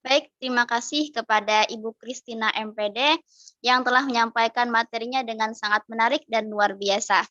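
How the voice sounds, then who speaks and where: A woman's voice: fairly high pitch, fairly even intonation, normal speed, bright, forceful tone, no echo. A woman moderator formally introducing a speaker and reading her bio on a video call. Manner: formal, reads from script. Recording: dry, thin lo-fi video call audio.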